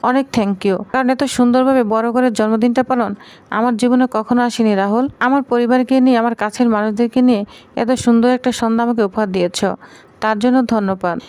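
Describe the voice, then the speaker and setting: A woman voicing a gentle, confused young wife in a narrated serial recap, reading her lines softly and earnestly. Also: a little high, steady tone, fairly quick, clean tone, no echo, natural voice.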